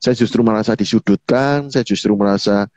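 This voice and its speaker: A man's voice: fairly low pitch, brisk, darkish tone, dry recording. A man, an NLP coach explaining ideas in casual talk, padding phrases with fillers and acting out quoted people. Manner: chatty, fills with "gitu ya", quotes others in a raised voice. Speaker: NLP coach, guest speaker. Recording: dull dry lo-fi online audio.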